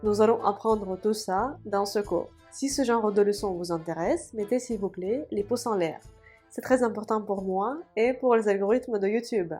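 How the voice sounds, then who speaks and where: A woman language teacher giving a video lesson, explaining carefully and repeating each word slowly for practice while writing on a board. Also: medium pitch, a little mellow, husky, soft background music.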